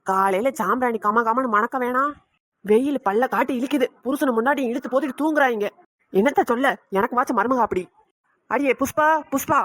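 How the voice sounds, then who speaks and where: Woman voicing a shrill nagging mother-in-law. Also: brisk, fairly bright tone, no echo, clean studio sound. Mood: scolding. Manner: scolding, sarcastic, shrill. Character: nagging middle-aged village mother-in-law. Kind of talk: cartoon voice acting.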